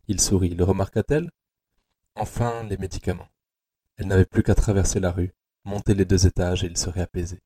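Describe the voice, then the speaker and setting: Homme à la voix grave et voilée. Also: male voice, low voice, steady tone, dark tone, slightly rough. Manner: slow, measured, tense storytelling. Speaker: narrator. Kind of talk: dramatic audiobook narration.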